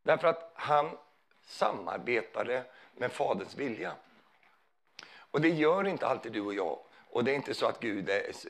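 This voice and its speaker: A man's voice: mid-range voice, gravelly, a bit bright. A man preaching a sermon in a conversational way, often putting questions to his listeners.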